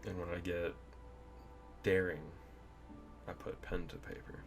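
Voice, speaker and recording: A man's voice: low-pitched, completely flat delivery, measured pace, soft background music. A man hosting a casual comedic monologue, reciting limericks and chuckling at his own crude jokes. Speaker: video host reciting limericks.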